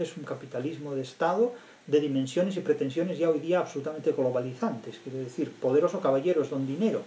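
A man giving a lecture on literary theory as a professor, emphatic and deliberate, repeating phrases with pauses. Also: a little high, a little mellow, echoey room.

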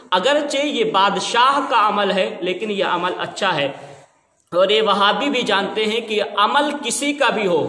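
A man's voice: sits high, sharp tone, a little hiss or hum. A man preaching an emphatic, argumentative religious lecture. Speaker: Islamic preacher. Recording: echoey room with long reverb.

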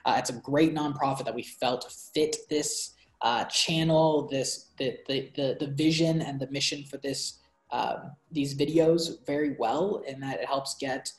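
Over a laptop video call from a bright room at home, a young man co-hosts a book review in an unhurried, medium-pitched voice. He chats loosely with lots of fillers and false starts, hands moving animatedly, and the audio carries a roomy echo.

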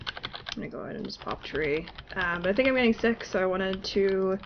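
A gaming YouTuber with a cold talks in a congested, mid-range voice with lively intonation, a little fast. The recording, made on a desktop mic with no webcam, is muffled with a noisy background. She offers casual gameplay commentary, chatty and laughing at herself as she plays.

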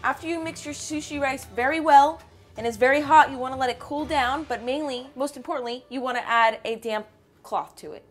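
A woman's voice: high voice, a little fast, soft background music. A young woman hosting a fishing and cooking vlog, enthusiastically explaining each step as she fillets fish and makes sushi. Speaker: fishing and cooking channel host.

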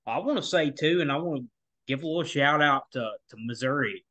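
This man talks a little fast in a fairly high, sharp-toned voice. He's a college football podcast co-host chatting casually about sports, rambling along with frequent restarts and fillers.

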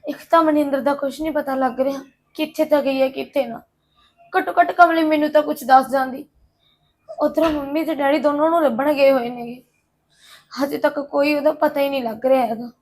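A woman's voice: sits high, steady tone, fairly quick. An actress playing a worried young married woman who pours out her anxieties to her aunt in a Punjabi drama. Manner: anxious, pleading.

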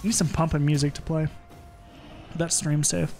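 A streamer chatting casually with friends while playing, excitable, swearing and singing snatches to themself. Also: mid-range voice, moderate pace, soft background music. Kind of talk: casual gaming chat with friends.

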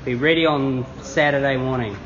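A man's voice: medium pitch, fairly even intonation, normal speed. A man filming and chatting enthusiastically in a motorcycle shop. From Australia. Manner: upbeat, enthusiastic. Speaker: camera operator. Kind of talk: casual chat. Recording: muffled with loud background noise.

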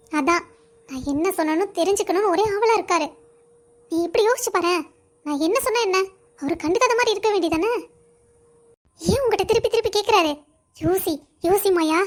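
A woman voicing a bossy, teasing young woman friend in a cartoon story, scolding and lecturing. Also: extremely high pitch.

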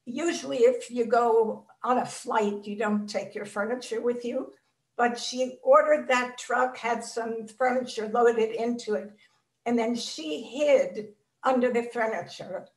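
An older woman from Czechoslovakia, a Holocaust survivor, gives personal testimony in an interview over a video call from a room in her home. Her fairly high voice sounds roomy and distant, and she tells her story in a measured, reflective way, pausing often.

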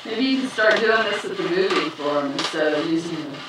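A woman's voice: lowish voice, a little fast, distant mic, heavy background noise. Woman, casual family chatter in a kitchen, captured on an old camcorder tape from across an echoey room. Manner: reading cooking instructions aloud. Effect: old home-video tape recording. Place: home kitchen, making popcorn.

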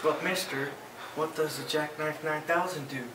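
A man's voice: fairly high pitch, steady tone, moderate pace, pushed and bright. A teenage male playing a gee-whiz, eager little boy customer in a hard sell infomercial skit. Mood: eager awe. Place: small bare indoor office room. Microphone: camera a few feet away. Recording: echoey small room, distant mic, faint noise.

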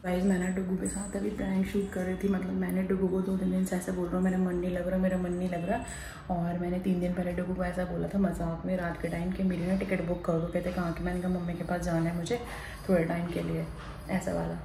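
A woman's voice: lowish voice, monotone, fast talker. A young woman vlogger talking casually and pleading insistently into a phone camera. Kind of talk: casual chat. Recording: echoey room with faint noise.

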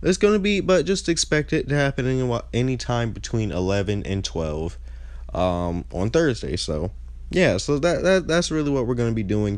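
Chatting loosely while he plays, a young man who runs a gaming channel has a medium-pitched, somewhat mellow voice. A stuffy nose makes him sound nasal, and he keeps losing track of what he was saying. There's no echo.

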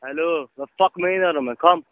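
Aggressive man on a muffled call, raised pitch, threatening. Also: dry recording. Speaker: prank call victim. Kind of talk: angry phone call. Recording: dull dry phone audio.

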